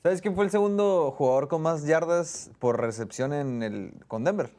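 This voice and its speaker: A man's voice: on the high side, normal speed, a little mellow. A man with a Mexican accent chatting casually and in slang about sports.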